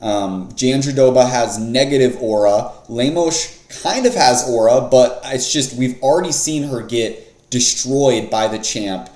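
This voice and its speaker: A man's voice: medium pitch, measured pace, a little mellow. A man hosting an MMA picks channel, talking in a sarcastic, rambling way with lots of "um" and "like". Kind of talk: casual vlog commentary. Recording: echoey room.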